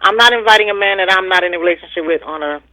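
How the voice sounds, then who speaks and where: A woman's voice: mid-range voice, racing, bright, forceful tone, no echo, rough recording. A woman calling in to a radio show, chatting casually in a firm, insistent way. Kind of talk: casual phone-in chat.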